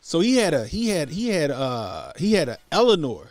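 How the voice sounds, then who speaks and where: A man's voice: on the high side, huge pitch swings, moderate pace, no room sound. A man in his late thirties from the Baltimore area, hosting a podcast and telling profane, laid-back stories in casual chat. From Baltimore area, USA. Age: 30s. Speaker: podcast host.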